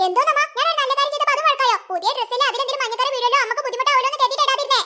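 Brief: a performer playing a sly, whiny cartoon girl, squeaky high and fast. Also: bright, forceful tone, heavily acted. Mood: defensive. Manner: whiny, evasive, self-praising. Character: cheeky, mischievous young girl Paru.

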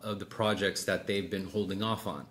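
A middle-aged man's low voice comes through steady, fairly bright and at a moderate pace. He's casually coaching one person, explaining as he goes, acting out sales dialogue and checking in often. The room is a small indoor office meeting space with clearly noisy sound.

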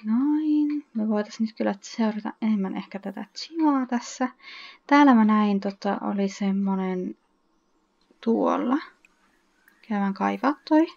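A woman's voice: medium pitch, vocal fry, pauses often. Chatty woman gamer, lo-fi mic. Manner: chatty, reads game text aloud, excited shrieks. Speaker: gaming YouTuber. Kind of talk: casual let's-play commentary.

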